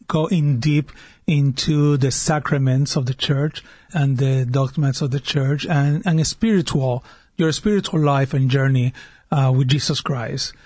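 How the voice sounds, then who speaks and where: This radio interview guest, a diocesan worship director from Puerto Rico in his fifties, tells a personal story in an earnest tone, frequently repeating words as he restarts. He speaks with a Puerto Rican Spanish accent in a medium-pitched, darkish voice, captured in clean studio sound without room sound.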